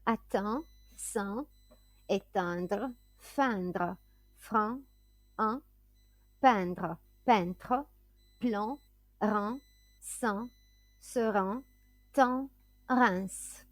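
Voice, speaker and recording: A woman reads out pronunciation drills one word at a time, at a very slow and deliberate pace. Her pitch sits in the middle, and each word is enunciated with care. The sound is dry and close, with almost no room echo. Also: faint music behind. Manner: careful, clearly enunciated dictation. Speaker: French pronunciation teacher.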